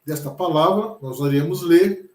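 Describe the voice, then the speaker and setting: A man's voice: on the high side, normal speed, echoey room. A Brazilian pastor teaching a Hebrew lesson, patient and careful, repeating each word several times as he explains it. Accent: Brazilian Portuguese. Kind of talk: slow classroom lesson.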